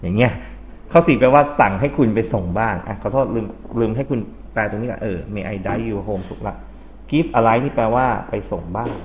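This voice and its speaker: A man's voice: on the low side, normal speed, lo-fi sound, slight background noise. Thai man teaching an English class. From Thailand. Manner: explains vocabulary, asks the class questions. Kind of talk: classroom lesson.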